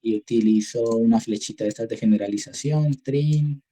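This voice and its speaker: Husky, dark-voiced man teaching. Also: mid-range voice, moderate pace. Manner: thinks aloud, checks in with tag questions. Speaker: university instructor. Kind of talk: online class lecture.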